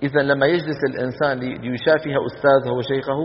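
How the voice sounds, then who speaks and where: A man's voice: medium pitch, steady tone, racing, a little hiss or hum. Echoey man teaching Quran recitation. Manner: asks the class questions and answers them himself. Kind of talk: classroom lecture. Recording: echoey hall, dull lo-fi recording.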